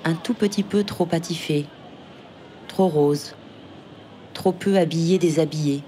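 A woman reading a literary, poetic text in a measured, deliberate way. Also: low-pitched, mellow, a little hiss or hum. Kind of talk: poetic narration.

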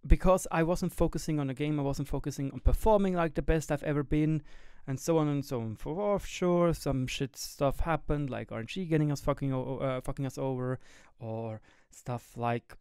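Speaking to camera from his small gaming room, a young Swiss streamer and YouTuber reflects candidly and thoughtfully, stopping now and then to find the right English word in his German-tinged accent. His voice is slightly high, smooth, and sing-song, with a darkish tone. He wears a headset and sits close to a boom-mounted studio mic, so the audio is dry and close with no room sound.

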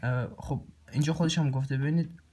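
A man teaching a recorded grammar lesson. He pauses often with filler sounds and clears his throat now and then. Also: a little high, fairly even intonation, a little mellow. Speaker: language teacher.

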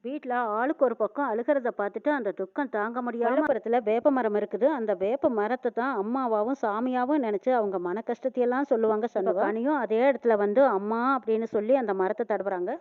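A woman, retelling a TV serial episode in an animated storytelling manner. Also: fairly high pitch, fast talker. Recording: tinny phone-like sound.

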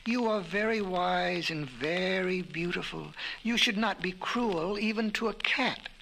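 A man voicing a proud, sly male cat in a storybook reading on an old vinyl record, with a high, pleading, sweet-talking manner when he begs. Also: a little slow, gravelly, bright, forceful tone, a little hiss or hum, exaggerated voice, poor audio. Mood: wheedling. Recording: vintage vinyl record with music.

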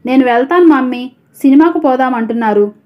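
A woman voicing a proud, sharp-tongued young wife who answers curtly. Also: high-pitched, fairly quick, natural voice. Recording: dull lo-fi audio.

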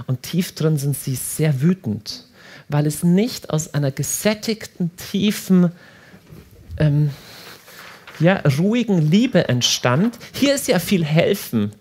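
A man speaks to a live audience in an animated way and often repeats words as he rephrases. His pitch moves lively up and down. His voice has a slight husky grain. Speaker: speaker at a prayer house.

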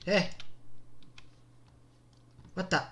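A Greek-accented gaming YouTuber gives casual live commentary on his gameplay. He's excitable, exclaiming and muttering to himself into a desktop gaming mic.

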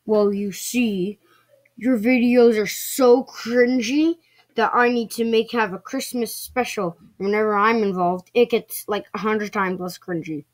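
A woman's voice: mid-range voice, steady tone, close to an everyday voice. A woman voicing a boastful, evil male Christmas monster who cackles and gloats in a playful home-video skit. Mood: smug. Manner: cackling, gloating, drawn-out threats.

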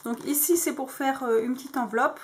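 A woman's voice: high voice, fairly even intonation, brisk, slight background noise. A woman vlogging in French, casually showing crafting dies with lots of hesitant fillers. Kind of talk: casual show-and-tell.

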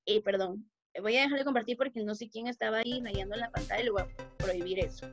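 Patient female primary teacher on a video call, high voice, music behind. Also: quick pace. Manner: patient, switches between English and Spanish, calls pupils "mi amor". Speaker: primary school English teacher. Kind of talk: online class explanation.

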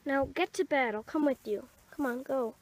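A woman's voice: sits high, normal speed, noisy background. A woman voicing a protective, widowed mother rabbit who scolds in an anxious, motherly way. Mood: scolding, tender.

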